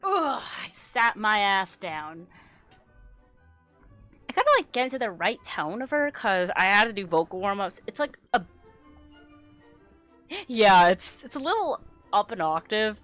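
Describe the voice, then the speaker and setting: A woman streamer chatting casually with a low natural voice, rambling and swearing, often trailing off into quiet mumbles. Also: animated, moderate pace, soft background music. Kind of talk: casual livestream chat.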